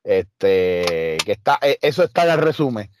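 With background noise behind him, a low-ish male voice swings widely in pitch at normal speed. He's a wrestler and trainer with a Puerto Rican Spanish accent, casually telling interview stories in an emphatic, streetwise manner with plenty of fillers.

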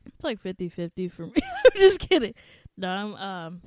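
A woman's voice: medium pitch, wildly swooping pitch, moderate pace, darkish tone, no echo. A woman co-hosting a casual podcast chat, giggly and full of crude jokes. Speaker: podcast co-host.

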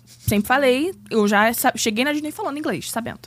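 Brazilian woman rattling off a travel story, husky voice, super quick. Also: high voice. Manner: animated storyteller, acts out her father's voice. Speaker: co-host telling travel stories. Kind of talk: casual chat.

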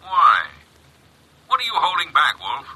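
A blustering middle-aged police inspector from a vintage radio mystery. His voice is hard, piercing and rough-edged. He barks slangy cop talk with gruff impatience. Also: on the high side, wildly swooping pitch, a little slow, bright, forceful tone, heavily acted, low-quality recording. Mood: exasperated. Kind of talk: 1940s-1950s radio detective acting.

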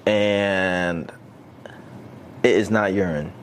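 A man from Detroit hosting a casual, frank chat in a slangy, jokey, expressive way. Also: low-pitched, drawn-out words, slight background noise. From Detroit, United States. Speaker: host.

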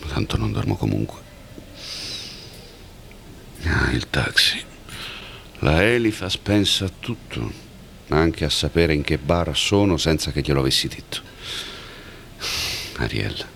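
A man's voice: rumbling low, lively intonation, slow, vocal fry, long pauses, fairly bright tone, slight background noise, heavily acted. A man voicing a jittery night agent muttering to himself. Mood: musing. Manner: muttering, thinking aloud, panicking. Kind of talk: audio drama inner monologue.

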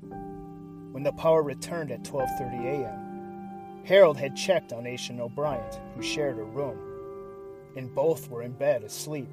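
A man narrating a scripted true-crime story in a suspenseful, measured, serious manner with deliberate dramatic pauses. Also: medium pitch, music in the background. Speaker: host and narrator of a missing-persons series.

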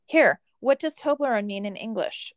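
A woman's voice: fairly high pitch, animated, normal speed, no room sound, clean studio sound. A woman co-hosting a podcast in casual chat, easygoing and matter-of-fact. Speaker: podcast co-host.

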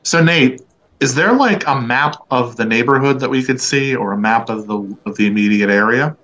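Male player, wisecracking, mid pitch. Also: normal speed, a bit bright. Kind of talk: casual tabletop game play.

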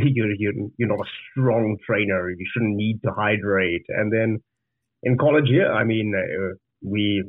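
Earnest and prone to restarting his words, a man from Zimbabwe answers interview questions as a guest founder of a startup. His Zimbabwean-accented voice sits fairly low, and the dry, tinny phone line carries no echo.

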